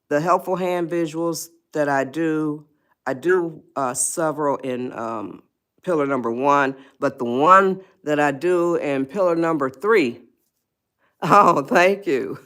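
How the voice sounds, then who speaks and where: A woman in her eighties chats with her live stream viewers at a leisurely pace, addressing them as y'all. Her voice is low with a slight brightness, she laughs readily, and she loops back whenever she drifts off topic.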